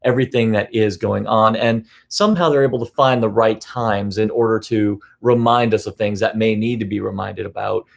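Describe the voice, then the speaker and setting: A man co-hosting a casual film discussion, rambling and animated, often restarting his sentences. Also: on the low side, moderate pace, gravelly, few pauses. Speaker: podcast co-host.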